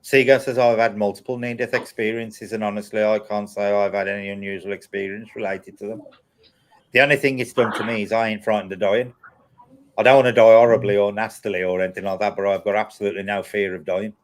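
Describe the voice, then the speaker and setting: With fairly even intonation and a quick pace, a man with a rather deep voice runs a casual paranormal live chat. He recounts personal anecdotes bluntly, repeating himself as if speaking to his regulars.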